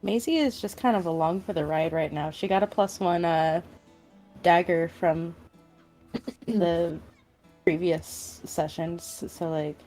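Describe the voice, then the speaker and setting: A laid-back woman player in a tabletop game. She talks slowly in a lowish voice. Faint music plays behind her. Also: a little mellow.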